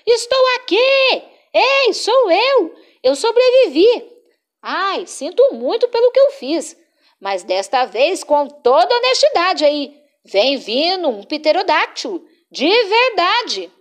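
A woman's voice: very high voice, big pitch swings, takes it slowly, voice pushed up, exaggerated voice. Woman doing a shrieking little boy dinosaur. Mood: shouting alarm. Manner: shouting alarm.

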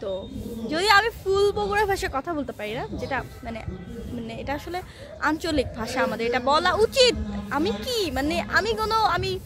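A woman's voice: very high voice, sing-song, brisk, a crowd in the background. A young woman from Bangladesh, chatting casually on a rooftop into a hand-held phone and rambling with many fillers and restarts. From Bangladesh (Bogura). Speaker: vlogger. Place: rooftop outdoors.

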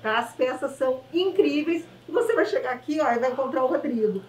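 A woman's voice: high voice, animated, a little fast, darkish tone, reverberant, recorded from a distance, a little hiss or hum, rough recording. A woman from southern Brazil with a Gaúcho accent, hosting a TV show and chatting enthusiastically with a shop owner, often tagging her sentences with "né?". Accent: Gaúcho Brazilian Portuguese. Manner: effusive, chatty, keeps asking "né?". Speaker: TV show host. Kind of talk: enthusiastic on-location interview. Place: inside a small shop.

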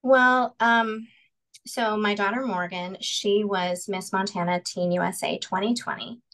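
A woman's voice: medium pitch, fairly even intonation, unhurried, fairly bright tone, poor audio. A woman in her forties, a pageant director, talking earnestly and reflectively on a video call, with many ums. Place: home room indoors.

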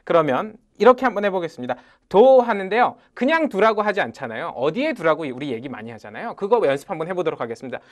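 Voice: mid-range voice, quick pace, hardly any pauses. A teacher leading an English lesson in front of a class, calling out phrases for the room to repeat and praising their answers. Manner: energetic, calls out drills and repeats phrases loudly. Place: lecture room with a live audience.

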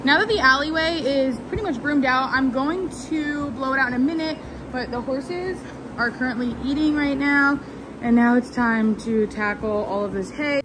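Young woman chatting to viewers with her phone out in the barn, kinda high voice, music playing behind. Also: normal speed, low-quality recording. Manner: chatty, talks to viewers and animals. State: heavily pregnant. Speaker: vlogger. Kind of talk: casual vlog narration. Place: farm barn and pasture, outdoors and in open barn. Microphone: phone held at arm's length.

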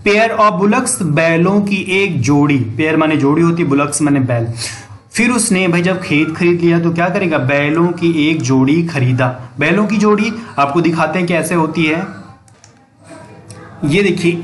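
A man's voice: a little high, a bit bright, poor audio. A male teacher explaining an English story line by line in Hindi, translating each word and putting questions to his students.

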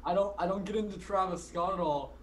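A man of roughly 20 speaks fast in a high-pitched voice as a guest on a podcast, chatting casually and rambling with heavy filler and frequent self-interruptions. He's on a video call from his bedroom, and there's a little hiss or hum.

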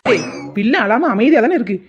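A woman voicing a fed-up, sharp-tongued young daughter-in-law in a cartoon story. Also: on the high side, big pitch swings, faint music behind. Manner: quick, retorting.

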